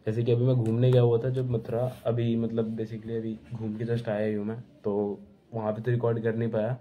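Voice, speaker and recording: A man's voice: lowish voice, a little hiss or hum. A young man telling a rambling, casual travel story to camera from home. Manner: chatty, rambling, keeps saying bhai. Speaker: travel vlogger. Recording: tinny phone-like sound.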